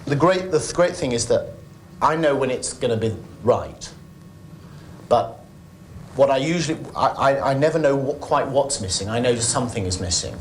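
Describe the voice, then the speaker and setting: A man's voice: medium pitch, lively intonation, normal speed, a little hiss or hum. A man in a documentary interview, talking about design work with enthusiasm and some restarts.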